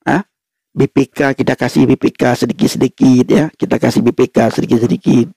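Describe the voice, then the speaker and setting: A man preaching a humorous testimony to a church audience, animated and acting out back-and-forth dialogues. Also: mid-range voice, a little fast, gravelly, no echo, clean studio sound.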